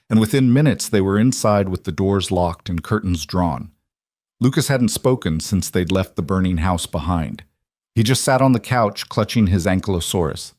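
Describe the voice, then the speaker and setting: A man narrating a dramatic story in a measured storytelling style. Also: fairly low pitch, a little mellow, no echo, clean studio sound. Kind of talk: scripted narration.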